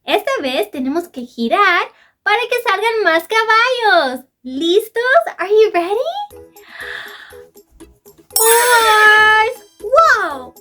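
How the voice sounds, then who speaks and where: Very high, sing-song woman teaching kids. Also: very animated, a little slow, bright, forceful tone, faint music behind. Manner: exaggerated, sing-song, gasping with wonder. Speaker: bilingual children's teacher. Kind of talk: animated lesson for young children.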